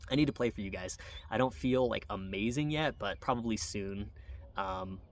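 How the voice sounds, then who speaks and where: A man's voice: fairly low pitch, normal speed. An American man from Wyoming talks as a channel host in an unscripted, introspective monologue, hesitant and rambling. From Wyoming, United States. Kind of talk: unscripted reflective monologue to camera. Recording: distant mic, noisy background.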